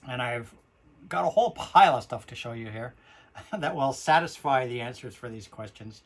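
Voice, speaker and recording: A man's voice: mid-range voice, animated, moderate pace. A Canadian man speaking with a missing front tooth, hosting a vlog in a casual, rambling, repetitive way. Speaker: host of a record collecting vlog. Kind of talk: casual chat to viewers.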